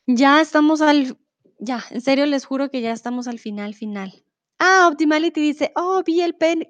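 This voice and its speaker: A woman's voice: fairly high pitch, no echo. A woman teaching on a live stream, reading viewer comments aloud and patiently explaining verb forms. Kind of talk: live-streamed language lesson reading chat.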